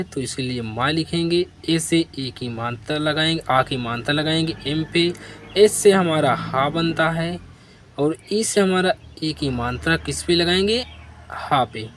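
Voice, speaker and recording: A man's voice: a little high, fairly bright tone, slight background noise. A man teaching beginners, spelling out words letter by letter and asking questions back to the learner. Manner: spells letters one by one and asks the viewer to repeat. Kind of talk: slow spelling lesson for beginners.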